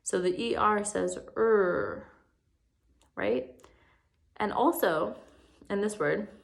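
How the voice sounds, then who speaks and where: A young woman teaching first graders in a recorded lesson, slow, patient and encouraging, drawing words out syllable by syllable. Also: mid-range voice, vocal fry. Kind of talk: remote classroom lesson.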